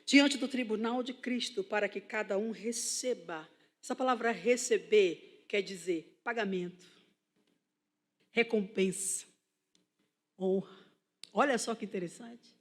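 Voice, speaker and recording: A Brazilian woman preaches in a church, her voice swinging from soft, hushed asides to loud, fervent cries. She tells her own story as she goes, lively and emotional, with a plain mid-range voice. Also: mid-range voice, a little slow, pauses often. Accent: Brazilian Portuguese. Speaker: missionary preacher. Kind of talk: sermon. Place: church hall.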